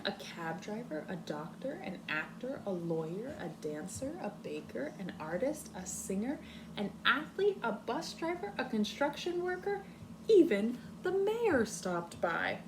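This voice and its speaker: Background noise runs under a fairly high-pitched female teacher who reads a story to small children with expression and care, pausing to ask them questions.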